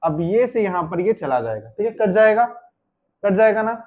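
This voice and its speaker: A man's voice: high-pitched, animated, normal speed, a little mellow. A man teaching a chemistry class, explaining step by step and asking and answering his own questions. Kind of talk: classroom lecture.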